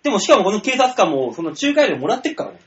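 A man with a high voice that swoops up and down, hosting a joking radio talk show. He keeps an animated, playful tone, and the sound is dull and lo-fi. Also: rapid-fire. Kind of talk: casual comedy radio chat.

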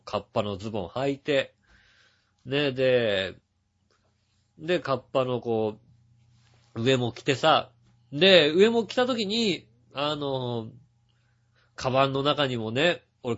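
A man hosting a talk show, telling a rambling everyday story in a casual chatty way, with many fillers and asides. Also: medium pitch. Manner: chatty, full of filler words and asides, chuckling. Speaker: radio show host. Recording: dull lo-fi sound.

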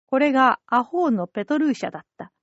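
A woman reading a literary story aloud in a measured, calm way for a theater troupe's podcast. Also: high voice, no echo, muffled recording.

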